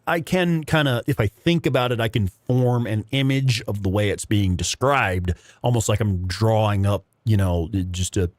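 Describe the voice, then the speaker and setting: A man's voice: fairly low pitch, a little mellow, no room sound, clean studio sound. A man hosting a gaming livestream with casual, rambling commentary and some swearing. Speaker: livestream host playing a video game.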